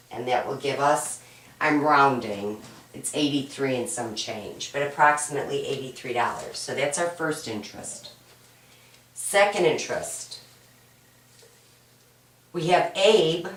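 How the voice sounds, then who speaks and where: An accounting instructor, a woman whose voice is low, hoarse, and raspy from a cold, patiently walks through homework problems step by step, often checking in with "right?". The recording has a roomy echo and slight background noise, as though the mic sat across the room.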